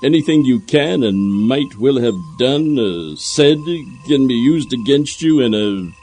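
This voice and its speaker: A man playing a bumbling, officious police officer with a halting, muddled delivery in a comedy audio drama. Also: mid-range voice, expressive, warm tone, soft background music.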